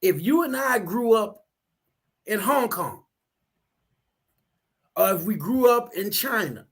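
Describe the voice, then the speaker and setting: Guy with a high voice explaining stuff, earnest, keeps repeating himself. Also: big pitch swings, takes it slowly, a bit bright, husky. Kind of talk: casual discussion.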